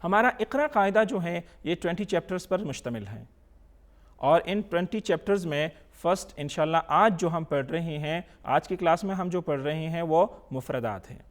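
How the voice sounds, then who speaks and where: Man, Pakistani accent, high voice, patient teacher, slow drawn-out recitation, English mixed in. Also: animated. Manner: mixes English words into explanations. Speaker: Quran teacher. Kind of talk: televised Quran reading lesson.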